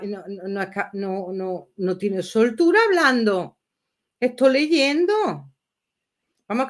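Woman in her fifties, chatty livestream host, exclamatory, fairly high voice. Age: 50s. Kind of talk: casual livestream chat.

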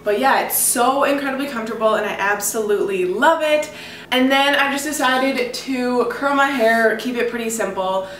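A young woman with a fairly high voice talks through her outfits in a bubbly, gushing sorority-girl way. It is casual vlog chat, recorded in an echoey room a little way from the mic. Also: moderate pace, a bit bright, far from the mic. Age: young adult. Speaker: vlogger. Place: small indoor room in a home, standing before a door. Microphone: camera mic a few steps away.

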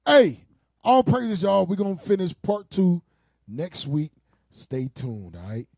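Animated, high-voiced man joking to a group. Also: unhurried, gravelly, slightly rough, dry recording. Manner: animated, joking, laughs often. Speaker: teacher leading a group discussion. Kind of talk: casual preaching, joking banter.

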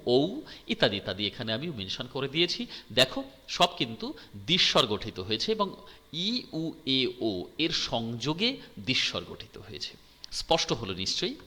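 A man's voice: on the high side, sharp tone. A male teacher explaining grammar in a lesson, often asking and answering his own questions. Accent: Bengali. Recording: long hall reverb.

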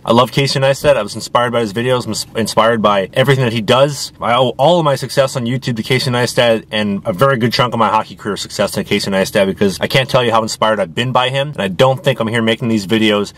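A man's voice: mid-range voice, a bit bright. A man in his twenties with a slight lisp from wearing a retainer, chatting casually to camera in a car as a vlog host. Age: 20s. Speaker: vlog host, hockey goalie. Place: inside a parked car. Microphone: camera in front of him.

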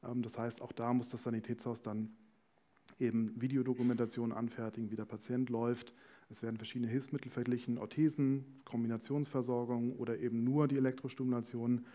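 This managing director talks briskly, his medium-pitched voice warm but flat in delivery. He's a guest explaining things in an interview on a small indoor stage in front of a talk-show panel, using a headset microphone.

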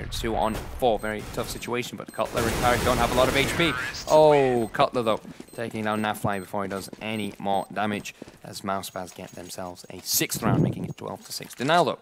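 Man casting a shooter match with gunfire. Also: lowish voice. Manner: lively, jokey banter with co-caster. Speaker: esports commentator. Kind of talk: play-by-play commentary. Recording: noisy with game gunfire behind. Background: game gunfire.

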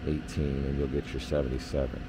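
Very deep voiced hvac guy talking thru readings, lots of ums, noisy basement hum behind. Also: brisk. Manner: relaxed, explanatory, many fillers. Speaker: HVAC technician. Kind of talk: hands-on technical demonstration. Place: indoor basement furnace area.

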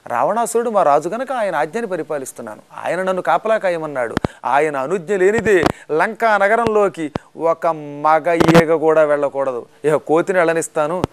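A man giving a spiritual discourse, telling a sacred story, reciting verses and explaining them in a lively, animated way. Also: fairly high pitch, normal speed, background noise. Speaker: religious discourse speaker.

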